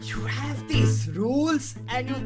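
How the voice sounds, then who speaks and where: A woman's voice: sits high, huge pitch swings, takes it slowly, darkish tone, full character voice. A woman playing a gleeful, taunting male criminal madman in a script read, drawling theatrically. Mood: manic glee. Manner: theatrical, drawling, breaking into cackles. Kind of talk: table read of a film script. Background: live guitar music.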